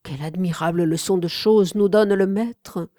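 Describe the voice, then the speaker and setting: A woman voicing a flattering, pompous male official in an audiobook reading. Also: lowish voice, normal speed, no room sound, clean studio sound, lightly acted. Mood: admiring. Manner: flattering exclamations.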